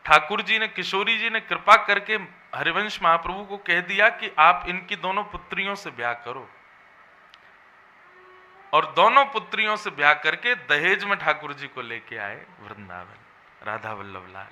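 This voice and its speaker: Bright high-voiced man preaching. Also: lively intonation, normal speed, slight background noise. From Vrindavan region. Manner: emphatic, melodic preaching. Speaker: religious storyteller. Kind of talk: devotional sermon.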